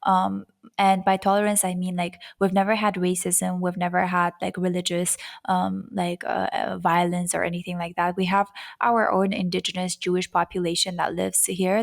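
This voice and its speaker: A woman speaks as an interview guest. Her mid-pitched voice has a creaky edge and fairly level intonation, and she explains her points earnestly in a conversational way. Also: level tone, moderate pace. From Azerbaijan. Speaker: interview guest, YouTuber and etiquette coach.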